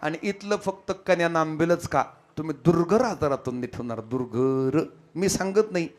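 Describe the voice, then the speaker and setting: A man preaching a devotional kirtan sermon. He tells stories and speaks straight to his listeners, moving between quiet asides and loud exclamations. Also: normal speed. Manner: storytelling, swings between soft asides and loud high exclamations; addresses the audience directly.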